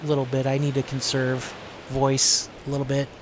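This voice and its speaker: A man's voice: mid-range voice, completely flat delivery, moderate pace, noisy background. A man casually commenting while streaming a video game, rambling and thinking aloud. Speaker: let's-play streamer.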